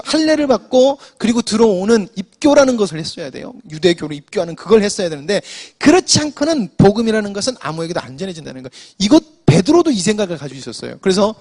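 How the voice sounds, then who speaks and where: Preaching an afternoon sermon, this man has a voice that sits high and sounds a little mellow. His manner is explanatory as he walks the congregation through scripture, often saying "자" to them and restarting with "so" to advance.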